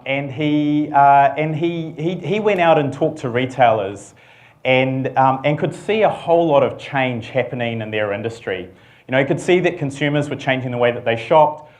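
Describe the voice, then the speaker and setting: This is a middle-aged company CEO with a New Zealand accent, his voice in the mid range. He presents at a conference in a relaxed way, dropping dry jokes and plenty of ums.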